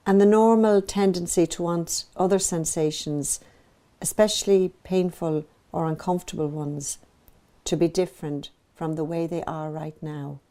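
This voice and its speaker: Speaking as a teacher, a woman leads a guided meditation in a very mellow, soft voice that sits a little low for a woman. She stays gentle and even, pausing soothingly between her phrases.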